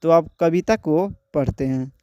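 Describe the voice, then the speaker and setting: A man's voice: on the high side, warm tone, smooth, no echo, dull audio. A man teaching children to read, going word by word and spelling out syllables, then asking who did what. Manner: slow, word-by-word with repeated questions. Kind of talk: children's Hindi reading lesson.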